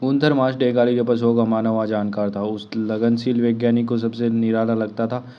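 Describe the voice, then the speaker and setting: Man reading a comic aloud, flat lo-fi. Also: mid-range voice, moderate pace. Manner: reads every character's lines himself with light emphasis. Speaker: comic book reader.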